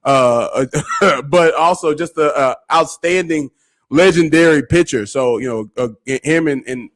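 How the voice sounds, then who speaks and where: A man's voice: on the high side, measured pace. A man, hosting a casual podcast, laid-back and laughing often. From Arkansas, USA. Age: 40s. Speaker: podcast host. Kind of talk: casual chat.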